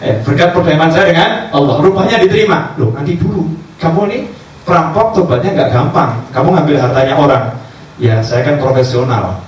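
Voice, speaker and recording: A man, a religious teacher telling stories in a sermon, acting out dialogue in lively voices. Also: on the high side, a little fast. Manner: animated storyteller acting out dialogue. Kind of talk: sermon storytelling. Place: cafe gathering. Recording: echoey distant room recording, faint background noise.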